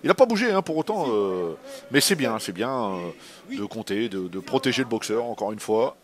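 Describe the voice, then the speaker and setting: Excitable male fight commentator. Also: lowish voice, moderate pace, crowd noise. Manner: excitable, rises to shouts at big hits. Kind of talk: live kickboxing commentary.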